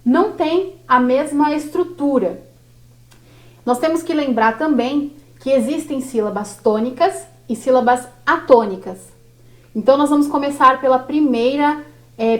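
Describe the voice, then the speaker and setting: A Brazilian Portuguese-speaking woman teaching a workshop lesson on verse, slow and didactic, drawing out each syllable. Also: sits high.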